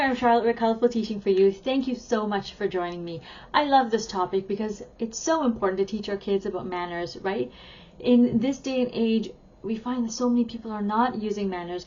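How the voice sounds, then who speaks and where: A woman's voice: fairly high pitch, fairly quick, mellow, highs cut off. A woman who is a parenting educator, talking in a chatty, upbeat way and stressing key words as she teaches. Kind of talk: talking-head teaching video.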